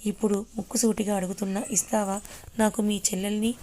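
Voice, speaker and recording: A woman's voice: medium pitch, little pitch movement, fast talker, warm tone, natural voice. A woman voicing a young man in love who pleads earnestly in a storybook reading. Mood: pleading.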